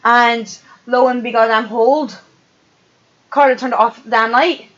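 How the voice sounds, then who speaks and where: A high-voiced woman hosts a casual stream and tells chatty, sweary stories. The audio is muffled and lo-fi. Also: steady tone, slow, a bit bright. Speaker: streamer host. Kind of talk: casual chat.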